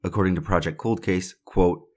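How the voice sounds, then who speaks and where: Very low male voice, true crime podcast host, casual and opinionated narration. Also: measured pace. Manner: opinionated, casual asides between read facts.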